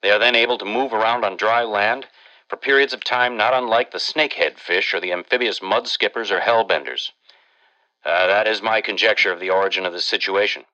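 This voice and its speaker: A man playing a cautious professor speaking in a formal, measured lecturing manner, low-pitched but bright and forceful. He comes through a wire with a muffled old-radio sound. The recording is dull and lo-fi. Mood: grave. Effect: muffled old-radio sound over a wire. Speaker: scientist.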